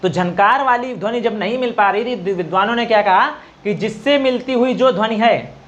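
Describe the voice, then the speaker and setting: A teacher giving a Hindi grammar lesson for exam preparation, explaining slowly and answering his own questions. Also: medium pitch, dull audio.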